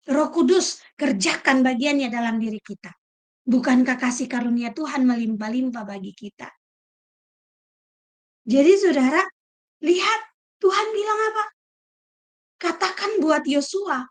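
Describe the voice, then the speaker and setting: A middle-aged woman preaches with a high, bright voice. Her delivery is emphatic and lively, and she breaks into acted-out quotes. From Indonesia. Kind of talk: sermon.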